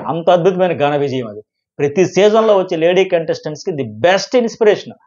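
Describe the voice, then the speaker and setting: A man talks at a rapid clip, reviewing a reality show with excited emphasis and piled-up phrases. His voice sits fairly high for a man. The sound is dull and lo-fi. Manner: excited, emphatic, quotes contestants in quick bursts. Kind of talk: fast live commentary.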